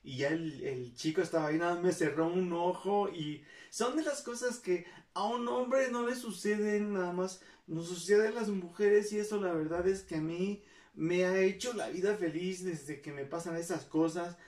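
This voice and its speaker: A vlogger with a Mexican accent casually tells her viewers personal stories, chatting away and acting out the people she quotes. Her voice is on the low side and darkish, at normal speed, picked up by a distant mic in a roomy space.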